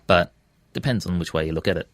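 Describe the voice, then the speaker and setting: A low-voiced Australian man talks quickly and casually as an interview guest; he's a radio presenter and podcaster. He hesitates, corrects himself, and wanders around his points. The recording is close and dry with no echo.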